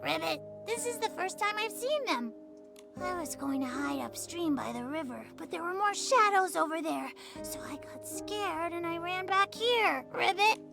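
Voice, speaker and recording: Small female croaker, game character: extremely high, gravelly edge, timid chatterbox, habitual ribbits. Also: lively intonation, normal speed, exaggerated voice. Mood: chatty, earnest. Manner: punctuates sentences with croaking "ribbit". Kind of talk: scripted game dialogue. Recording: game music behind.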